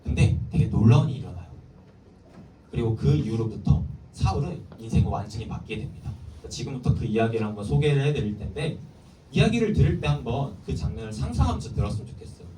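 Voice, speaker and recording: Lively, quizzing youth preacher in an echoey hall. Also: male voice, mid-range voice, quick pace, a little hiss or hum. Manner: lively, keeps quizzing the listeners. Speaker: youth pastor. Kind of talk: sermon to middle schoolers. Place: church hall. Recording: echoey hall, mic far off, faint ambience.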